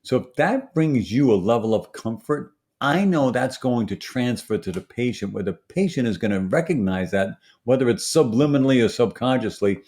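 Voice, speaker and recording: A dental pharmacology expert with a Brooklyn accent explains his subject as a guest in a conversational, emphatic and teacherly way. His mid-range voice is animated and a little mellow, moving at a moderate pace with hardly any pauses. He keeps checking in with quick tags like "right" and "okay."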